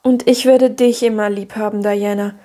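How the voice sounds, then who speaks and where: A woman's voice: medium pitch, fairly even intonation, normal speed, dark tone, natural voice. A woman voicing a dreamy, imaginative orphan girl who speaks in lofty, theatrical phrases in an audiobook. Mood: solemn, romantic.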